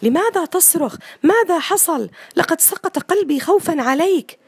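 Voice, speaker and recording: A woman voicing a worried mother who scolds her son in a sharp, exasperated tone. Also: high-pitched, normal speed, no echo, voice pushed up. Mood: scolding.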